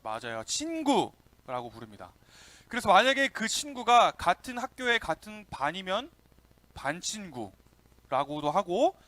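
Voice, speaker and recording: A young man, a youth pastor, giving a lively children's sermon, calling out to the kids and asking them questions. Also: sits high, measured pace, no echo.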